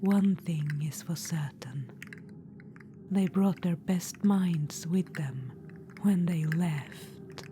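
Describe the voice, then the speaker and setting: The pitch is fairly low and the delivery very slow as a woman whispers softly without voicing, with background noise audible. Playing a scheming, ancient undead witch-queen spirit in ASMR roleplay, she's silky and coaxing, condescending toward the listener she calls darling.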